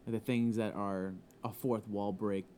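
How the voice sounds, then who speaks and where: Young man, casual podcast chat, excitable, profane, laughs a lot, faint background hiss. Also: lowish voice, measured pace. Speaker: podcast panelist.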